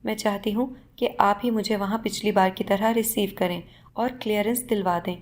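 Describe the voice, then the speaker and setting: A woman's voice: mid-range voice, steady tone, natural voice. A woman voicing a frightened young maid in an audio story, pleading and anxious.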